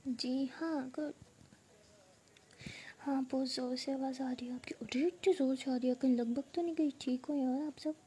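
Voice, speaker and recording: A woman casually chatting on a phone live stream, reading viewer comments aloud in a soft, half-whispered, playful way. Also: high voice, steady tone, moderate pace.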